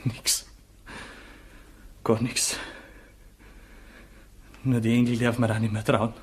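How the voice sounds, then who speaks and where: A man's voice: medium pitch, little pitch movement, takes it slowly, slight background noise, natural voice. A man playing a defiant young poacher. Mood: bitter. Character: defiant young male poacher, bitter and proud. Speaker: [name]. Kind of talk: 1960 radio play acting.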